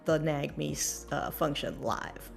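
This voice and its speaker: A woman's voice: sits low, slow, vocal fry, faint music behind. A woman co-hosting a casual livestream, hesitant with many fillers and a wry humor. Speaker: co-host of a crypto dev livestream.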